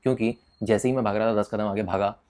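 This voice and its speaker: A young man from India telling a personal story in a casual, animated way, swearing freely and mixing English phrases into his talk. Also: fairly low pitch, fast. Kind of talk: casual storytelling with crude slang.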